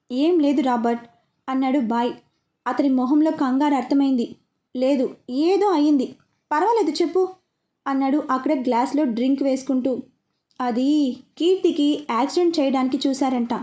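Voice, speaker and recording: A woman's voice: sits high, warm tone. A woman reading a serialized romance story aloud, narrating and speaking the characters' lines in her own voice.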